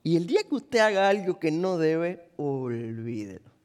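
A male pastor delivers a sermon in a church, asking his listeners questions and acting out short quoted lines. His voice sits high for a man. The sound rings with a long hall reverb. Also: moderate pace, smooth. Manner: preaching with acted quotes and rhetorical questions.

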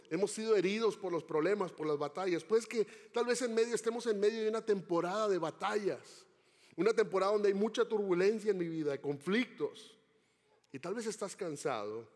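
A man's voice: high-pitched, a little mellow. A man preaching a sermon as pastor, asking the congregation questions as he goes. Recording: long hall reverb.

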